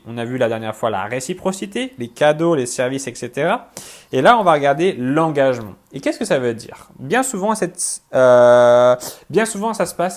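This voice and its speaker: A man talking straight to camera as a relationship coach, in a mid-pitched voice. He talks fast, stumbles over restarts and fillers, and keeps checking in with his listeners. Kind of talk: casual explanatory video talk.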